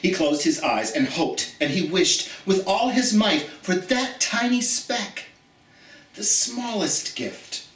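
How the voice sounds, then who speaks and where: An American man hosts a children's storytime, reading and chatting with viewers in a theatrical way and stretching out key words for emphasis. His voice is high-pitched, expressive, slow and a bit bright. The recording sounds roomy and echoey, with the mic distant and slight background noise.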